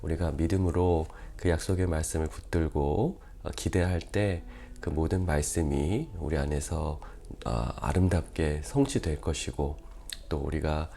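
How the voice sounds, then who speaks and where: A male pastor with a weakened, quiet voice, leading an early-morning prayer service and reading scripture slowly and deliberately, with many "ah" pauses. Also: extremely low pitch, vocal fry. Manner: measured, careful enunciation with frequent "ah" pauses. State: weak, quiet voice.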